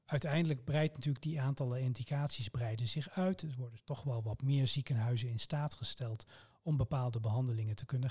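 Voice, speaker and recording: A man with a Dutch accent, answering interview questions in a measured, formal way with precise terms. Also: mid-range voice, darkish tone, husky. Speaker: medical oncologist guest.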